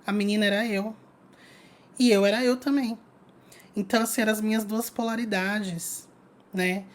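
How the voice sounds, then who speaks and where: A young adult woman chatting to her online audience, telling a personal story in a lively, casual way. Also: mid-range voice, normal speed. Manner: lively, chatty, addresses viewers as "gente". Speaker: spiritual content creator.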